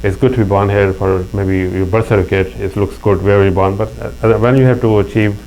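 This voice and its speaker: An earnest, storytelling interview guest, this middle-aged Pakistani man has a Pakistani accent and keeps restarting as he chats casually. He speaks at a quick pace with a darkish voice on the low side and fairly even intonation. It's a rough recording with a faint mains hum.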